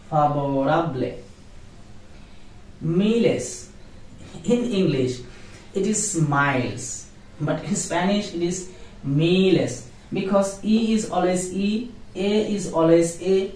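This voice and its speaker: Teacher drilling spanish words real slow, repeats everything, super echoey room, voice kinda far from the mic. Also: medium pitch, a little mellow, a little hiss or hum. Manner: repeats words slowly, contrasting wrong and right sounds. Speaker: language teacher. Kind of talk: slow spoken pronunciation lesson.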